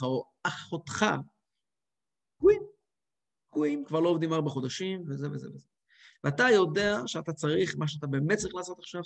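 High lively guy teaching a lesson, voice jumps all over, acts stuff out. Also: gravelly, slightly rough. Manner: animated, acts out voices and quotes, big pitch swings. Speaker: rabbi teaching Tanya. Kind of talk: lively spoken Torah lesson.

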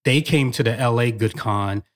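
A man's voice: mid-range voice, moderate pace. Enthusiastic male podcast co-host. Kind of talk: casual chat.

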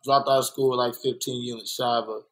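A man's voice: medium pitch, fast, poor audio. A man from Los Angeles, an artist guest in a casual interview, speaking candidly and telling stories from his life. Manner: candid, storytelling, animated when quoting others. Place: art workspace.

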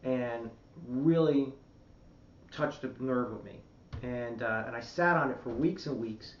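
A man's voice: mid-range voice, unhurried, far from the mic. A man talking as a comedian guest on a podcast, reflective and searching for words, often repeating himself. He sits away from the mic in a roomy space, and the sound is dull and lo-fi with faint hiss under it. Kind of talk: casual podcast interview.

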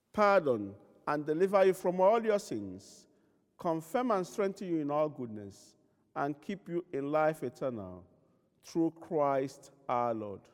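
A man leading a church service as priest, speaking formal liturgy and prayers in a measured, solemn way with a cathedral-like echo. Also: on the high side, darkish tone. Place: large reverberant church.

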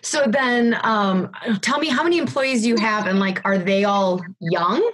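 A woman's voice: mid-range voice, unhurried, a bit bright, slight background noise. A woman in her thirties hosting a podcast, chatty and telling stories with a laugh. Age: 30s. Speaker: podcast host. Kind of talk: casual podcast interview.

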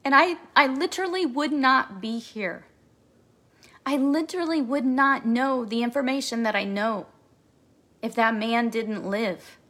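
A woman's voice: on the high side, unhurried, a bit bright. A woman in her forties hosting a podcast, giving an emphatic motivational monologue with lots of repetition. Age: 40s. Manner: emphatic, repetitive, emotional at times. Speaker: podcast host and coach.

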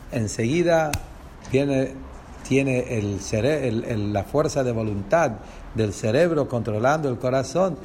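A man with a Rioplatense Spanish accent leads a lesson on a religious text, in a voice of ordinary middle pitch. He explains patiently, point by point, often turning to his listeners with rhetorical questions. A faint hiss of noise sits under the recording. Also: a little mellow. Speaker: religious teacher.

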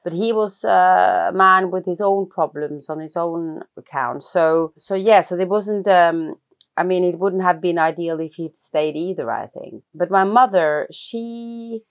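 A woman from Norway speaks English, her voice sitting a little low for a woman. She talks thoughtfully, pausing and restarting sentences as she searches for the right words. This is an unhurried, personal interview. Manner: thoughtful, hesitant, many restarts. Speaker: guest, film writer-director.

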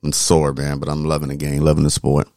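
A man's voice: extremely low pitch, monotone, quick pace, darkish tone, no echo, studio quality. A man co-hosting a podcast in casual, colloquial, laid-back chat, his speech slightly slobbery around dental braces. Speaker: podcast co-host.

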